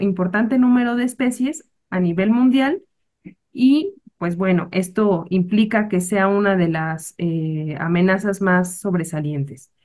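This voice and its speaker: A woman from Mexico, a botanist presenting a class project in a measured way, with fillers and self-corrections. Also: mid-range voice. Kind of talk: academic presentation.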